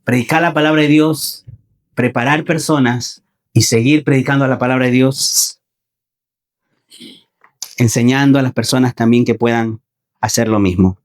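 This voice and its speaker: A man's voice: mid-range voice, fairly even intonation, moderate pace, long pauses. Man, preacher, Sunday sermon, repeats his phrases, rhetorical questions to the congregation. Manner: addresses listeners as brothers.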